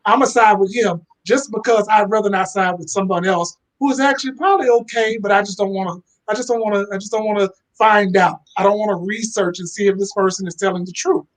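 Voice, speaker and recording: A man's voice: sits high, fairly even intonation, fast talker, few pauses. Blunt, emphatic man on a video call. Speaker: panel guest. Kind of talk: casual talk on a live video call.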